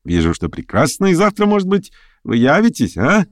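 Guy doing a high jumpy young schemer voice, gushing and wheedling, bouncing all over, dry close sound. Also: dry recording. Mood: excited. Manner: rapid, excitable, wheedling patter. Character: fast-talking eager young man, fawning and jittery. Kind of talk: audiobook character voice.

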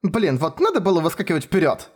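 A blunt young journalist, dry and grumbling, voiced by a man. Her lines sit a little higher than his own voice, with a flat, sardonic edge. It is read like an audiobook. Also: fast talker, exaggerated voice. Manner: gruff, sardonic.

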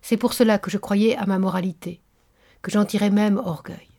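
A woman's voice: mid-range voice, steady tone, moderate pace, gravelly, warm tone. Woman reading as a bitter, brooding nobleman. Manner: intense, brooding confession. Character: bitter, tormented middle-aged male nobleman confessing. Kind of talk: audiobook reading of a novel.

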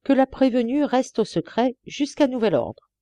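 A woman reading the part of a stern middle-aged male investigating judge, grave and deliberate. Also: lowish voice, very animated, dark tone, no echo.

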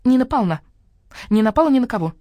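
A woman voicing a proud, naive hen who talks in a shrill, clucking way. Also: sing-song, fairly quick, darkish tone, no room sound.

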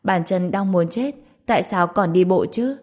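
Female audiobook narrator, first person, steady read, slightly low voice. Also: a little slow.

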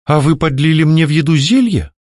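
A man's voice: fairly high pitch, very animated, moderate pace, no room sound, studio quality, pitched above the performer's own voice. A man voicing a bold young heroine who answers her captor in a teasing, sweetly mocking way. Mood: sweetly defiant.

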